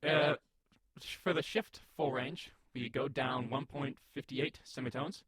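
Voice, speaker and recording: A man's voice: mid-range voice, fairly even intonation, a little slow, a bit bright, slightly rough, no echo, clean studio sound. A man giving a casual step-by-step tutorial on voice effects, explaining settings plainly with fillers and restarts.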